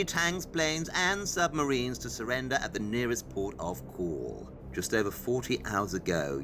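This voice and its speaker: In an audio play, an actor voices a brisk, all-knowing male detective who explains things precisely and condescendingly. His voice is natural and medium-pitched, with background noise.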